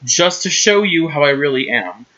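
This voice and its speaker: A man voicing a playful, teasing teen boy, reading the lines flat. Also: a little high, normal speed. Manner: flat read-aloud delivery. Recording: dull lo-fi recording.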